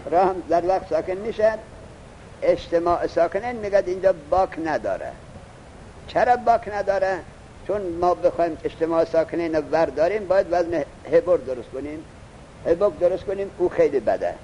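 A man teaches a lesson, reading the text slowly and stopping to quiz his student. His voice is warm and mellow and sits a bit high. A faint rumble runs underneath the recording. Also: expressive, highs cut off. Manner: explains, asks the student questions, reads the text slowly. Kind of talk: classroom lesson.

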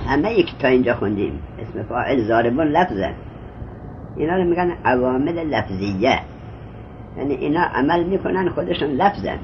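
A man teaching Arabic grammar, reading lines of text slowly and explaining them step by step, often stopping to quiz his student. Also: mid-range voice. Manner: reads Arabic text slowly, then glosses it. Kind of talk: Arabic grammar lesson in Persian. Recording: dull lo-fi recording, faint background hiss.

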